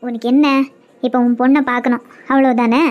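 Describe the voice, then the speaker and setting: A woman's voice: fairly high pitch, steady tone, a little fast, a little mellow, highs cut off, natural voice. Woman doing a bossy old auntie in a cartoon, kanyakumari tamil accent, nagging but kind. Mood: bossy, caring. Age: older. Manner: bossy, coaxing, scolding. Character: older aunt, scolding yet caring elder woman. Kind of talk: cartoon web series voice acting.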